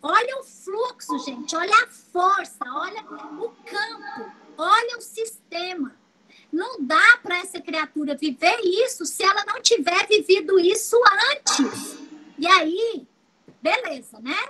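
High bright-voiced Brazilian woman storyteller. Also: unhurried, low-quality recording. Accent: Brazilian Portuguese. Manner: lively storyteller, repeats phrases for emphasis. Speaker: family constellation therapist. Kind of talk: teaching talk with anecdotes.

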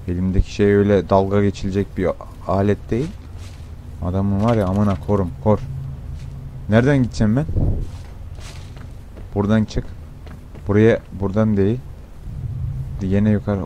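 A young man with a fairly low voice commentates on his gameplay in a loose, swearing style, often bursting into shouts. A faint noise sits behind him. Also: normal speed, long pauses. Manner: excitable, swears a lot, sudden shouts. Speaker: gameplay streamer.

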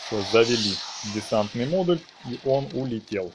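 Here a gaming narrator with a medium-pitched, animated voice chats casually at a normal speed, talking straight to viewers and tossing out quick exclamations. There's background noise along with game music behind the voice.

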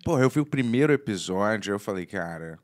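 A man's voice: lowish voice, expressive, a little fast. A man with a Brazilian Portuguese accent, a podcast host in casual chat, giving blunt opinions with slang.

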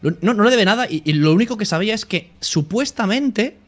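Fast-talking young man. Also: high voice. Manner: animated, crude, emphatic. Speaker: guest streamer. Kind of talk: casual chat.

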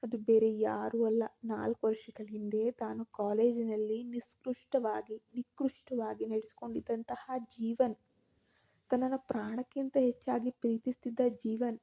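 Flat, dark-voiced woman storyteller. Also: a little high, gravelly. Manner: steady, measured reading. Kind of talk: scripted story narration.

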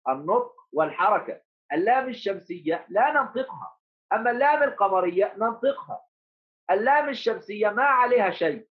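High-voiced male teacher on a tinny line. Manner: repeats key points, asks and answers his own questions; addresses pupils as heroes, coaxing. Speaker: primary school Arabic teacher. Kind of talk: remote lesson for children.

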